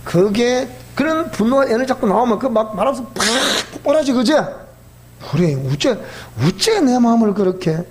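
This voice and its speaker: Folksy Gyeongsang Korean preacher. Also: male voice, extremely high pitch, normal speed. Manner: folksy, animated storytelling with acted-out voices. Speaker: pastor. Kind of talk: sermon.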